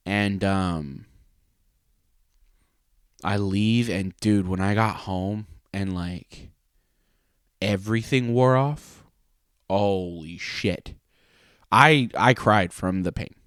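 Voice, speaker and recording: A man's voice: lowish voice, extremely slow, long pauses, a bit bright, clean tone, no room sound, studio quality. A man telling a personal story in a casual, comedic podcast style, profane and exaggerating. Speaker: podcast host and pro wrestler.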